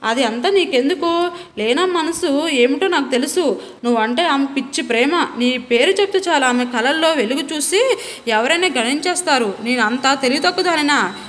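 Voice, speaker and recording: A woman's voice: high voice, expressive, moderate pace, a bit bright. A woman reading the lines of a playful young woman teasing her older brother in a storybook reading. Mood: mock-offended. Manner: pouting, mock-scolding.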